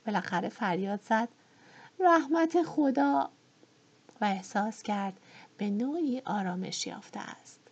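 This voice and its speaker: A woman narrating an audiobook of a novel in a measured, expressive reading, in a dull lo-fi recording. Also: mid-range voice, breathy edge.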